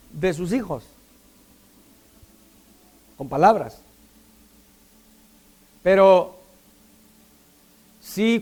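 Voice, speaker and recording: A middle-aged man preaching a sermon, often putting questions to the congregation. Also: sits high. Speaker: pastor.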